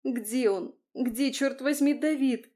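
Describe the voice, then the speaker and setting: A woman voicing a sharp-tongued young woman in labor who gasps and hisses through the pain. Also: high-pitched, slow pace, voice pushed up. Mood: angry. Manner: gasping, hissing through pain.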